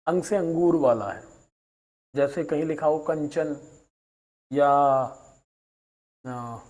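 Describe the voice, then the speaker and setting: Man, teacher, patient recap of a lesson, drawn-out example sounds, fairly high voice with a mellow tone. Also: poor audio. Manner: patient, explains slowly and drags out vowel sounds as examples; mixes in English words.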